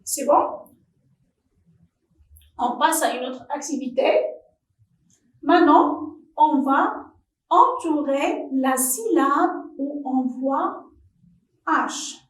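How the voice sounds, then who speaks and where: High-voiced woman teaching very slowly. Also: expressive. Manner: slow, deliberate, addresses young pupils warmly. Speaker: primary school French teacher. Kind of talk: slow televised classroom lesson. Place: classroom or studio for televised distance teaching. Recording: roomy echo, voice from a distance.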